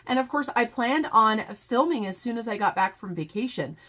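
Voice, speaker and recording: A woman's voice: a little high, expressive, normal speed, fairly bright tone. Congested woman chatting to her viewers. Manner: chatty, addresses viewers as "you guys". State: congested from a cold. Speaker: budgeting channel host. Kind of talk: casual budgeting vlog.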